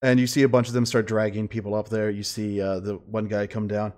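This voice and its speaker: A man's voice: fairly low pitch, little pitch movement, darkish tone. Man improvising as a tabletop game master. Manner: halting, conversational, laughs readily.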